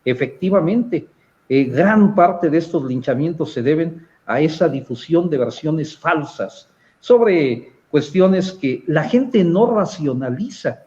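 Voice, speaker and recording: A Mexican man talks through political analysis on a discussion panel, his voice pitched a touch high but soft and mellow. He builds his points slowly, with frequent hesitant pauses between phrases. The recording is somewhat muffled. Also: expressive.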